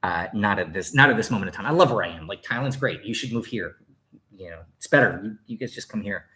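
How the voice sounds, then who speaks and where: This thirtysomething livestreamer talks fast with lively intonation, his lowish voice sounding pushed and bright. Sitting at home in Thailand, he fields viewer questions in a rambling, chatty style packed with fillers and restarts.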